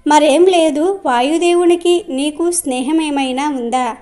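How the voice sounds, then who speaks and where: A woman voicing a sly old male sage who flatters and coaxes, in a high voice. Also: a little slow. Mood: coaxing.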